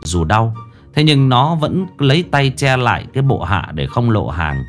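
A man narrating a comic ghost story in a lively storytelling manner. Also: medium pitch, normal speed, faint music behind.

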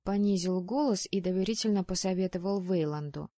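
A woman reading a first-person audiobook in a lively, expressive way. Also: lowish voice, a little fast, dry recording, studio quality. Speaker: audiobook narrator.

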